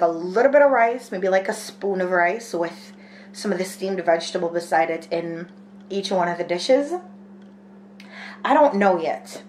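A woman's voice: mid-range voice, a little hiss or hum. A woman in her twenties, from Jamaica, chatting casually while vlogging at home, rambling and thinking aloud with lots of fillers. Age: 20s. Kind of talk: casual daily vlog chat. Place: small home kitchen and spare room indoors.

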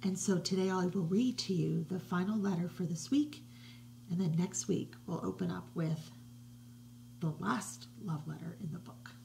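A middle-aged woman reading a picture book aloud to children from her living room, slow and hushed with soft whispery passages, recorded on a webcam. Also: fairly low pitch, creaky, a little hiss or hum, rough recording. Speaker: children's religious educator. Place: living room at home, indoors. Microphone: webcam at desk distance.

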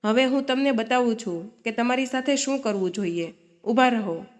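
A woman's voice: a little high, moderate pace, close to an everyday voice. A woman voicing an outspoken grown daughter who firmly scolds her brother and sister-in-law, in a storybook reading. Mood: confronting. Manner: firm, scolding.

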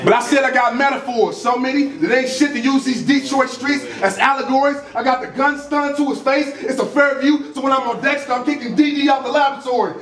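High-pitched male battle rapper, confrontational and projected. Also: fairly quick, hardly any pauses. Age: young adult. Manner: confrontational, boastful, repeats lines for emphasis; projected, animated delivery while pacing and gesturing. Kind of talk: a cappella battle rap performance. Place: small crowded indoor room. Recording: echoey room, distant camera mic, crowd reacting.

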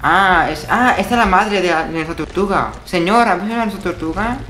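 A young man from with a cold, tossing quick jokey remarks while gaming with his brother. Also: sits high, pushed and bright, slight background noise. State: has a cold. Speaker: co-player, the host's brother. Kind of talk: casual gameplay chat.

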